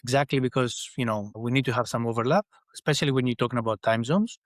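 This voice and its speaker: A man's voice: medium pitch, fast, no echo. A middle-aged man from Greece, a guest in a podcast interview, speaking in a thoughtful way with many restarts. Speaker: guest, engineering leader. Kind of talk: conversational interview.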